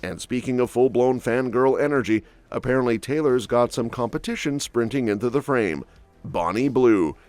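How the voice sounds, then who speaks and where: A man's voice: mid-range voice, no room sound. A man reading scripted entertainment gossip narration with a snarky, quip-heavy delivery. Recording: dry voice-over with soft music bed.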